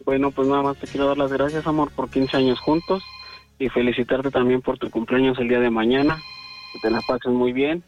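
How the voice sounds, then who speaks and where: A man's voice: mid-range voice, fairly even intonation, fairly quick. A man calling in to a radio show, speaking sincerely and casually. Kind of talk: sincere casual phone dedication. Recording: dull phone call, music behind.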